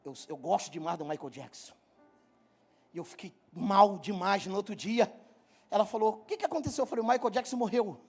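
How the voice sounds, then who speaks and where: A middle-aged man from Brazil preaching to his congregation, telling a funny personal story in a joking, animated way and speaking straight to the people. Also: high voice, a little fast, husky. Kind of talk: humorous sermon storytelling. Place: church hall.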